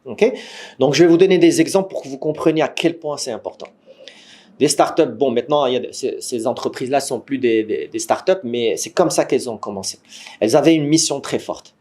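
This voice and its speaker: A man with a Moroccan French accent gives an online training to startup teams through his computer mic. His pitch sits in the middle, and he talks in a lively, questioning way, often asking if everyone agrees and restarting his sentences. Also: fairly quick. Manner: says he is a gamer. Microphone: computer mic on a video call.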